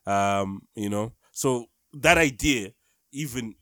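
A man co-hosting a casual film review chat, halting and repeating words with many fillers. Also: medium pitch, bright, forceful tone, dry recording, clean studio sound. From South Africa. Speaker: podcast co-host.

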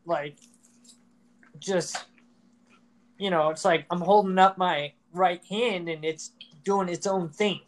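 A man hosting a podcast, speaking frankly and casually in halting phrases. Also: sits high, fairly even intonation, slight background noise. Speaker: podcast host. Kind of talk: candid personal talk.

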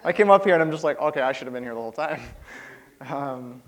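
A man's voice: medium pitch, expressive, fast talker, poor audio. A young man giving an informal church sermon, rambling nervously with lots of fillers and laughs.

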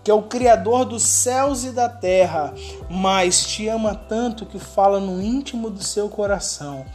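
A woman preacher giving an emphatic sermon that slows into soft, hushed passages. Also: mid-range voice, faint music behind.

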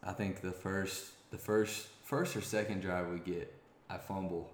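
A man's voice: sits low, measured pace. A young man, a former quarterback, tells a long story in a casual interview, rambling with restarts. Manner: rambling, many restarts, grows excited. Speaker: former college quarterback guest. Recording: echoey room.

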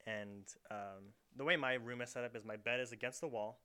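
A man's voice: medium pitch, fairly even intonation, fairly quick, pushed and bright, clean tone. A young man hosting a casual podcast from his bedroom, telling stories in a rambling way full of fillers. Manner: rambling storyteller, heavy on fillers. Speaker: podcast host. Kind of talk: casual chat. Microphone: camera set up in the room.

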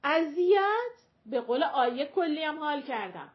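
A woman voicing a wry, teasing adult woman who talks in a lively, casual way. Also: high voice, dull audio, pitched above the performer's own voice.

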